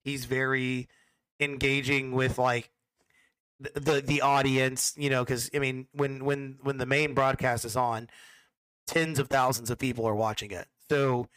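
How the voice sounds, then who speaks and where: Bright, crisp-voiced man, hesitant. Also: medium pitch, flat delivery, unhurried, no room sound. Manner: hesitant, repeats words when starting. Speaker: amateur esports caster. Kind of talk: casual interview answers.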